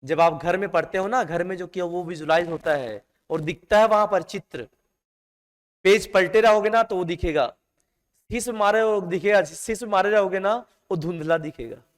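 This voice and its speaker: Emphatic high-voiced male teacher, echoey hall. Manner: emphatic, drawn-out stressed words, addresses students as "beta". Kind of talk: classroom lecture. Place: classroom. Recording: long hall reverb.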